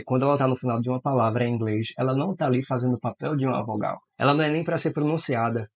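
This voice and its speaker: Male English teacher, mid-pitched voice, animated, explains and drawls out individual sounds. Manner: lively, exclamatory, slows down to sound out letters. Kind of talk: explanatory language lesson.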